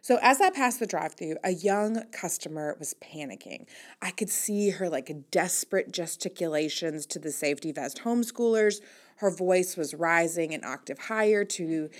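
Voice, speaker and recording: A woman reading her own humorous personal story aloud with a wry, mock-dramatic delivery. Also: on the low side. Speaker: newsletter writer reading her own piece.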